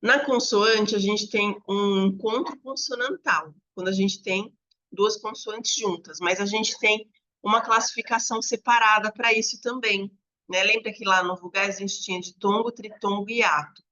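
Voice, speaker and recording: Patient woman teacher for an online lesson; bright tone, slightly dull recording. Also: medium pitch, steady tone. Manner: patient, explains slowly with drawn-out examples. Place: home apartment with dogs barking nearby.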